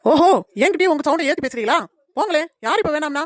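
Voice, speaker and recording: A woman voicing a sharp-tongued, grumbling young daughter-in-law in a cartoon comedy. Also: high-pitched, expressive, fast, no echo, studio quality. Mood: snappy. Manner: grumbling, sarcastic.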